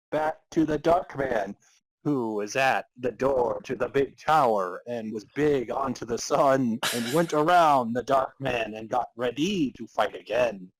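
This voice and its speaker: A man with a mid-range voice, narrator and host of a podcast, gives a slow, theatrical dramatic reading of comic fan fiction and tends to break into laughter. The recording quality is low.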